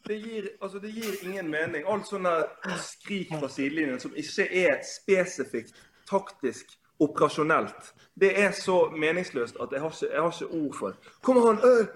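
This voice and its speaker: A former footballer on a podcast, talking in an animated, exasperated way with many restarts. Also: male voice, a little high. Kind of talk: casual podcast chat.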